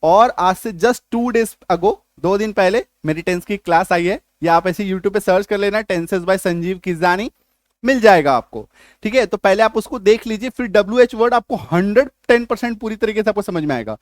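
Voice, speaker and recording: A man teaching a live grammar class in a fairly high voice. He explains step by step and repeats each phrase slowly. He checks often that the learners follow. The sound is dry and close, with no room echo. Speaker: English teacher.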